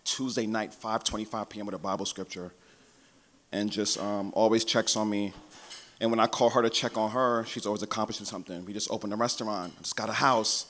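A man's voice: fairly low pitch, fairly quick. Chatty young man giving a toast. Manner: energetic, chatty, lots of "like". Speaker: bride's cousin giving a toast. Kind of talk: casual wedding toast. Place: wedding reception hall.

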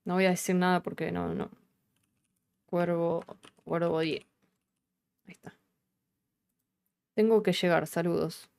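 A woman with a Rioplatense Argentine accent, her voice sitting a little low. She hosts a casual live coding stream, talking her way through the work. She thinks aloud and swears without a second thought. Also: little pitch movement, measured pace, gravelly, long pauses, darkish tone. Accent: Rioplatense Argentine Spanish.

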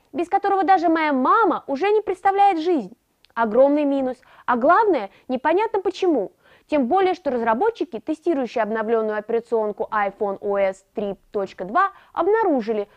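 A young woman from Russia in her early twenties hosts a tech show, reading a scripted gadget review. Her voice sits high and swings widely in pitch. She leans into her points with bright rising emphasis. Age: early 20s. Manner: lively, expressive delivery with rising emphasis.

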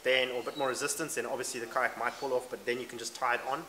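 A man's voice: medium pitch, little pitch movement, very fast, pushed and bright, a little hiss or hum. A young South African man casually explaining products as shop staff. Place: warehouse indoors, off-camera mic.

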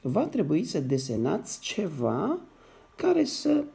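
A man with a dark, mellow voice and a touch of gravel, giving a reading lesson to young children. His pitch rises and falls a lot as he sounds syllables out slowly and repeats them. He keeps checking in with the class in a patient, encouraging way. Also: huge pitch swings. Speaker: primary school teacher.

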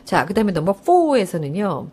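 A woman lecturer teaching a live online English test class, her voice swooping up and down in pitch. She keeps asking students questions and answering them herself, often laughing as she explains. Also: sing-song, takes it slowly, darkish tone, husky.

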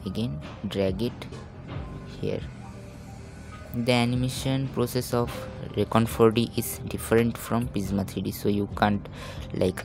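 A man giving a software tutorial voiceover, talking slowly, calmly and quietly in a halting way, close to the microphone. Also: on the low side, creaky. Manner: slow, calm, hushed talk; halting, thinking aloud while demonstrating. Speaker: tutorial host. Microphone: microphone held close to the mouth.

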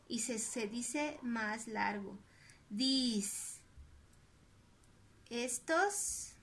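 A woman with a Mexican Spanish accent, teaching English to small children in a recorded online class, drilling words slowly with long drawn-out pronunciation. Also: a little high, slight background noise.

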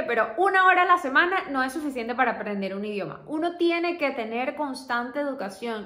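A woman's voice: high voice, a bit bright. A young woman vlogger giving casual advice, chatting directly to the viewer. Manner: chatty, talks straight to the viewer. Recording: echoey room.

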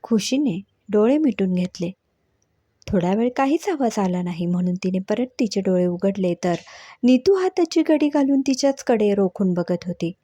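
A woman host reading a story aloud as scripted narration, in an expressive, steady manner. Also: medium pitch, moderate pace, no room sound.

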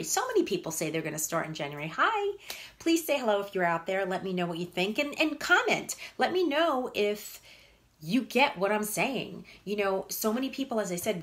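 A woman in her fifties, a fitness and nutrition coach, giving blunt, emphatic motivational talk to viewers on a live stream. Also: mid-range voice. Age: 50s. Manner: blunt, emphatic, repeats points for punch.

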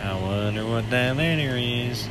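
A man's voice: mid-range voice, unhurried, background noise. A man doing casual gameplay commentary, talking to himself and repeating his phrases. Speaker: gamer narrating gameplay.

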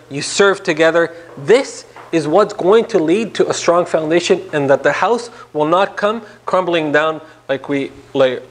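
In a small indoor meeting room, a man with a notably high-pitched voice gives an informal church lecture. Speaking like a priest to a small group, he is animated and conversational, repeatedly posing questions to his listeners.

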